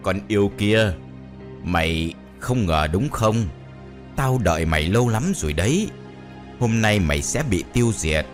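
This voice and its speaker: A man voicing a calm, stern old male exorcist who talks in a cold, commanding way. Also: fairly low pitch, a little slow, faint music behind. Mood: menacing.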